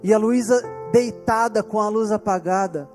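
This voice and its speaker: A man with a Brazilian accent preaching a sermon, telling a personal story earnestly and slowing down on key words. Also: high-pitched, a little mellow, faint music behind. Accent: Brazilian Portuguese. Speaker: pastor.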